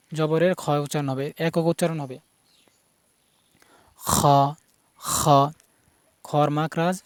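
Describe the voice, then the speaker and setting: A man teaches pronunciation, repeating each sound slowly and patiently. His voice is smooth and a little high, with little rise and fall. The recording is close and dry. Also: a little mellow, no echo. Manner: patient, repeats each Arabic letter sound many times. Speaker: Quran recitation teacher. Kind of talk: pronunciation lesson.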